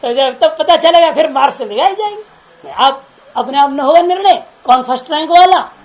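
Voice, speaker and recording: Casting: woman, spiritual teacher, higher voice, informal discourse, chatty, laughing, keeps checking in with her listeners. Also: lively intonation, normal speed, low-quality recording.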